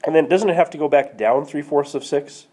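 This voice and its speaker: This math teacher's voice sits a little high, with a dark tone and a brisk delivery. Slightly hoarse and coughing occasionally, he works through a problem while questioning his students and checking on them, recorded as a lecture screencast through a tablet microphone.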